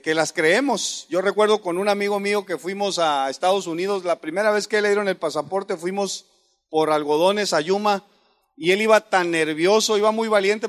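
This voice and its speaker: A man preaching a sermon, telling anecdotes and asking his listeners questions. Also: high voice. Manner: storytelling, asks listeners questions. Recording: long hall reverb.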